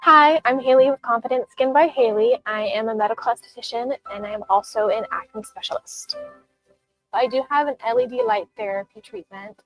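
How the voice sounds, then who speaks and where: A woman's voice: a little high, animated, fairly quick, faint music behind, poor audio. A woman speaking in her own business ad, explaining her skincare treatments in a friendly way. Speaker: esthetician in an ad. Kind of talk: scripted business ad.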